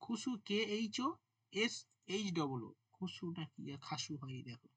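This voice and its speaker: A man teaching a current affairs exam-prep class, dictating quiz questions slowly and spelling words out letter by letter, with chatty asides to his students. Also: high-pitched, expressive, fairly bright tone, husky, no room sound.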